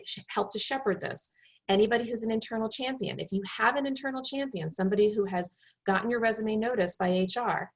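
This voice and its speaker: A woman recruiter giving job-search advice on a group call, in an earnest coaching tone that checks in with "right?". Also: medium pitch.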